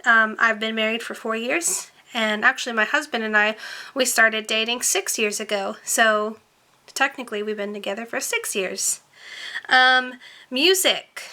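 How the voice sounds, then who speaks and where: A young woman talks straight to the camera in a relaxed Q&A vlog. Her voice is very bright and sits a little high. She rambles, filling her chatty answers with ums and likes. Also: measured pace. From born in Romania, raised in Tennessee. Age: 20s. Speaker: beauty vlogger. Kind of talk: casual Q&A chat to camera.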